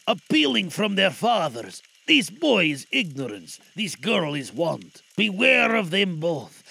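Stern, grieving spirit, slow and weighty, a narrator putting him on. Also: male voice, sits high, vocal fry, bright, forceful tone, breathy edge, full character voice, poor audio. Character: sorrowful aging male Christmas spirit, stern.

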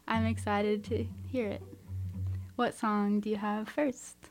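Unhurried woman radio host, curious. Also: mid-range voice, little pitch movement, soft background music. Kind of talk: radio interview. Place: radio studio.

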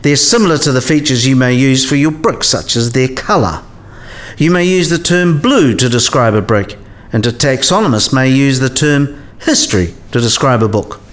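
A man plays a learned professor in a radio play, explaining things step by step in a precise, didactic manner. Like a patient tutor, he often puts questions to his listener. His mid-pitched voice is expressive and close to everyday speech, at normal speed.

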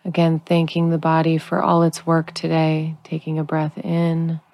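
A woman guiding a sleep meditation in a calm, soothing, unhurried sleep-story narrator manner, leaving long pauses. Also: deep voice, no room sound. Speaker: guided relaxation narrator.

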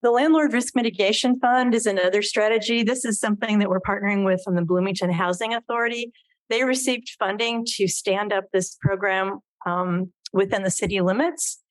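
A woman presents at a public meeting in a halting voice. She keeps stopping on ums and uhs. The sound is dry and close. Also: medium pitch, steady tone, dry recording. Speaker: local housing official at a public meeting.

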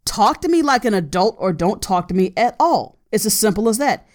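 A woman in her late thirties hosts an advice podcast, speaking earnestly in a mid-range, expressive voice at a fairly quick pace. She repeats her key points for emphasis.

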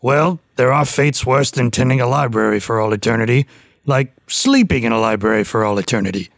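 Guy doing a gravelly befuddled hobo hero, groany and theatrical, dry close sound, fantasy comedy. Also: medium pitch, fairly quick, no echo, close to an everyday voice. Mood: bewildered. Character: feeble, bumbling hobo adventurer, confused and boastful. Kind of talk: comedic fantasy audio drama.

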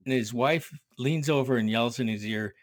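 A man on a panel discussion, talking deliberately and telling jokes with a wry delivery. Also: medium pitch, dry recording, clean studio sound.

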